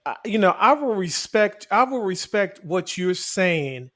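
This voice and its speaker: A man's voice: sits high, sing-song, a little slow, fairly bright tone. A man co-hosting a sports podcast, arguing animatedly and repeating himself as he talks over the others. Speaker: podcast co-host. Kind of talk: casual sports debate.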